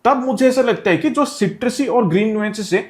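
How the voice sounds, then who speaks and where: High-voiced man reviewing perfumes. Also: lively intonation, brisk. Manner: explanatory, mixing Hindi and English. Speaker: fragrance reviewer. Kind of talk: product review talk to camera.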